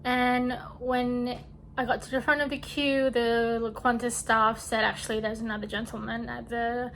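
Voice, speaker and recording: Slow-speaking woman narrating, higher voice. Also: little pitch movement, fairly bright tone. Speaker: travel vlogger. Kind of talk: scripted-sounding vlog voice-over narration. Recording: faint background noise.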